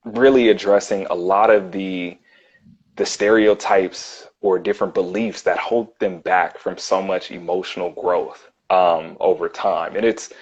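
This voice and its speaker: A man with a very low, deep voice talks as a counselor in a relaxed interview. He speaks earnestly and thoughtfully, with plenty of ums and restarts. The audio is dull and lo-fi. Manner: earnest, thoughtful, with frequent ums and repeated words. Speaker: licensed clinical counselor, guest. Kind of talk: casual conversational interview.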